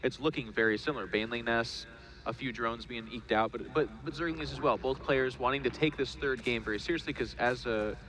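A male esports commentator giving live analysis in a relaxed, talkative way. He breaks down the players' decisions and slips in jokes. His voice sits at an average pitch. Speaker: esports caster.

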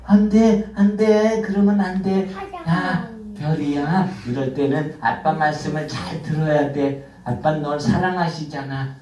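An earnest little child puppet acted out by a woman pleads and asks the audience questions in a fairly low voice. The sound is roomy and distant, from a camera at the back of the room. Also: steady tone, a little slow, crowd noise. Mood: pleading. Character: young child puppet torn between good and bad. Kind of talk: live children's puppet show.

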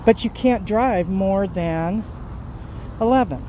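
Recorded on a phone in her hand while she walks her dogs by a road and parking lot, a middle-aged woman truck driver rambles unhurriedly in a casual walk-and-talk vlog. Her voice is mellow and medium-pitched, with passing cars, traffic noise and outdoor ambience in the background.

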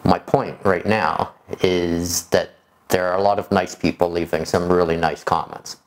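A man in his forties speaking in a measured, explanatory way to camera, as a video creator, in a room indoors. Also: low voice, steady tone. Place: small furnished room indoors.

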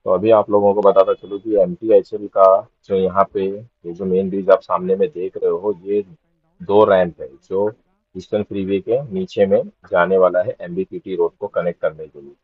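A deep-voiced man reads out facts in a steady, informative voice-over with little rise and fall. His tone is husky. The recording is dry and somewhat dull. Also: normal speed, no room sound. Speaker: motovlogger. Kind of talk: voice-over explanation.

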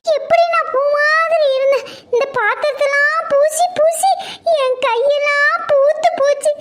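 A woman playing a vain, scheming daughter-in-law in her forties, grumbling loudly about housework. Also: extremely high pitch, fairly even intonation, measured pace, pitched above the performer's own voice. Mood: exasperated. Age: 40s. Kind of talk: comedy skit.

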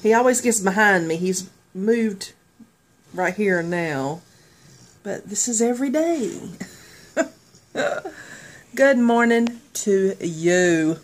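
A woman's voice: medium pitch, animated, slow, pauses often. A woman, chatting casually to the camera, laughing often. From southern United States. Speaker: vlogger. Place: in a car, then at home indoors. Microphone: phone camera at arm's length.

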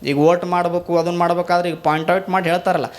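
Man preaching, high voice, North Karnataka Kannada accent, folksy storytelling, rhetorical questions. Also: flat delivery, rapid-fire. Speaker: monk giving a spiritual discourse. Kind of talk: sermon.

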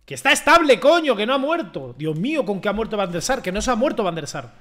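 A young man doing loud, joking gameplay commentary and swearing freely. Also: high-pitched, very animated, fast talker, very noisy. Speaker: gaming YouTuber.

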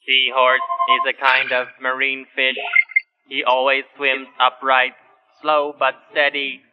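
A man voicing a calm, fatherly mission briefer in a children's cartoon, measured and instructive. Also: mid-range voice, highs cut off, background noise, lightly acted. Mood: calm, informative. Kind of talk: children's cartoon dubbing, explanatory.

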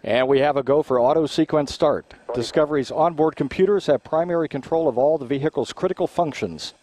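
A man giving formal, measured launch countdown commentary in a technical announcer's manner. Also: a little high, dark tone.

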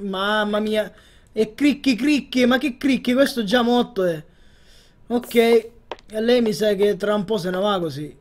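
High-voiced joking gaming commentator. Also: male voice, a little slow. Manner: chatty, joking, narrates characters' thoughts. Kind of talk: casual Let's Play commentary.

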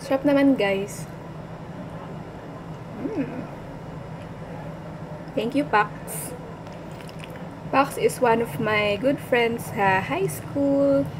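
A woman's voice: on the high side, very slow, pauses often, background noise. A middle-aged woman with a Filipino accent, chatting casually while she eats on camera, laughing often. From Philippines. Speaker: food vlogger. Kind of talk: casual mukbang chat, mixing Tagalog and English. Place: small indoor workplace room. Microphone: built-in mic of a front camera at arm's length.

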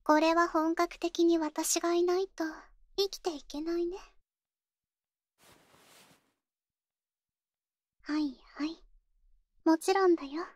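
A young woman voicing a possessive, coddling female wizard in ASMR role-play, coaxing with soft menace. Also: very high voice, dry recording, studio quality. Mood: possessive, doting. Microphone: close, dry studio microphone.

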